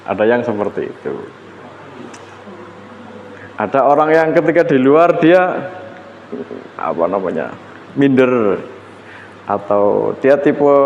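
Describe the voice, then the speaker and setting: A man's voice: mid-range voice, a little mellow, muffled recording. Lecturing man in an echoey classroom. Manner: casual conversational lecturing with fillers and self-corrections. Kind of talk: university lecture. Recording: echoey classroom, faint room noise.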